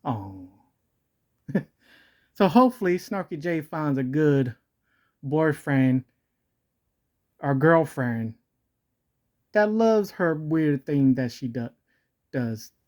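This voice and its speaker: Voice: expressive, takes it slowly, long pauses, a little mellow. A video host talking through a voice changer that morphs the voice, rambling jokily and correcting themselves as they go. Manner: jokey, rambling, self-correcting, pitch jumping around. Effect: voice changer that shifts and morphs the voice. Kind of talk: rambling comedic commentary.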